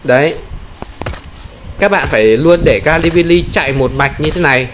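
A man giving excited gameplay commentary, often exclaiming and playfully taunting enemies. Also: a little high, normal speed, a little hiss or hum.

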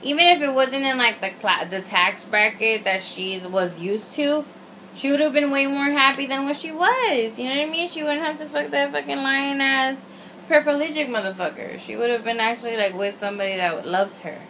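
A young adult woman's high, pushed, bright voice moves at normal speed as she drunkenly rambles through a casual video review full of strong opinions, slang, and emphatic cursing, with some Spanish mixed into her English. She's recording in a small room at home, with faint room noise.

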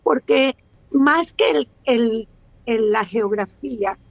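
A woman's voice: fairly high pitch, slow pace, creaky, highs cut off. A Venezuelan woman in her sixties, a guest speaking on a video call, thoughtful and hesitant with many restarts. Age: 60s. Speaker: guest, actress. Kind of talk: casual interview chat.

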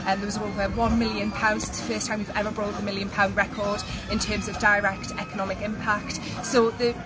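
A woman's voice: medium pitch, flat delivery, a little fast. A woman in her thirties, an events and marketing manager, giving an upbeat on-location interview in an outdoor restaurant courtyard. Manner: upbeat promotional, lists events with fillers. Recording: loud background music outdoors. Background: music.

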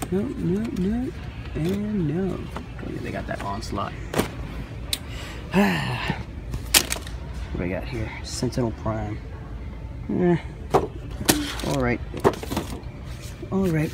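A man's voice: medium pitch, very noisy. A man vlogging a toy hunt in a large store, muttering to himself as he browses the shelves and dropping Spanish exclamations. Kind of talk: casual vlog commentary. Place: large retail store, indoors.

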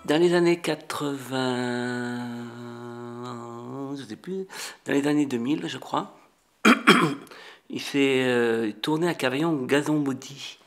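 Gravelly middle-aged man telling a story. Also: medium pitch, slow pace, pauses often, faint music behind. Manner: animated, acts out dialogue with many restarts. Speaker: chef and restaurant owner. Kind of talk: storytelling in an interview.

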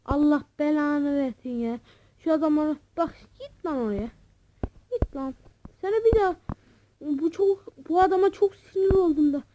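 A woman giving casual let's-play commentary at home, excitable, swearing and heckling her rivals. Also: high-pitched, slight background noise, poor audio. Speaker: gaming channel host.

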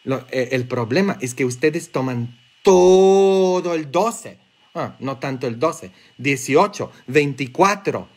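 A man with a Mexican Spanish accent, preaching a sermon as a priest in a joking, conversational way with quick asides. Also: medium pitch, lively intonation.

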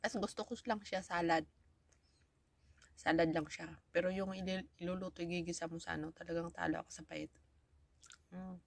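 A woman's voice: on the low side, fairly even intonation, a little fast, vocal fry, long pauses, dry recording. A Filipino woman telling viewers chatty stories about herself while talking around a lollipop in her mouth. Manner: chatty, laughing, self-deprecating. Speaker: vlogger. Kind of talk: casual storytelling to viewers.

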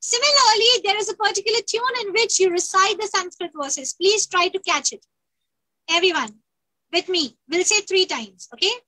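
A woman's voice: very high voice, drawn-out words, pushed and bright, poor audio. A woman teaching children over a video call, chanting verses line by line in a half-sung call and repeat.

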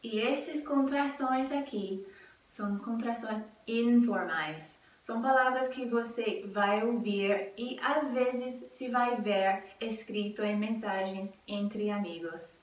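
A woman English teacher giving a casual video lesson, explaining clearly and friendly with example phrases. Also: fairly high pitch, slow, distant mic. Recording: roomy sound, slightly off mic.

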